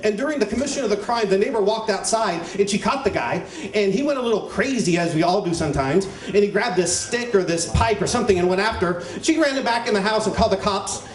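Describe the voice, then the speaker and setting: A man performing stand-up comedy in a crude clown persona, ranting with mock indignation to a live audience. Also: high-pitched. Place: live stage before an audience. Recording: echoey room with live audience.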